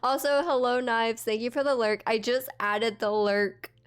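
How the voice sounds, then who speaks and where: A woman's voice: fairly high pitch, normal speed, clean tone. A congested woman streamer chatting casually with her viewers, laughing often as she talks.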